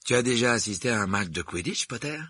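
Brief: male reader as a keen boyish captain, lifted lively voice, dry read. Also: high voice, moderate pace, vocal fry, slightly rough, dry recording, pitched above the performer's own voice, heavily acted. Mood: eager. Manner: enthusiastic. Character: eager young male team captain.

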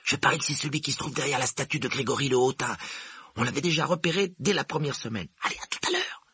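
A man's voice: mid-range voice, fast talker, bright, forceful tone, husky, no echo, voice pushed up, heavily acted. A man voicing a cheerful, cheeky teenage boy.

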